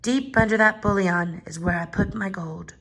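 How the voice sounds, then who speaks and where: A woman voicing a sly, grumpy tiny old leprechaun man from a storybook, with a sharp, scolding, whining manner. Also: mid-range voice, normal speed. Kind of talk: storybook character voice.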